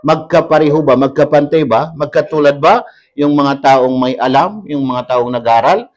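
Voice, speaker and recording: A man giving a storytelling sermon, his voice rising and falling with the tale, weaving in Arabic recitation. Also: on the high side. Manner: animated, voice rising when telling the story; mixes Arabic recitation into talk.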